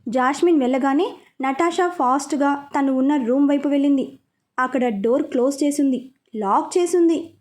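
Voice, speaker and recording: Sex: woman. Style: serialized story narration. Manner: steady and plain. Pitch: high. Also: normal speed.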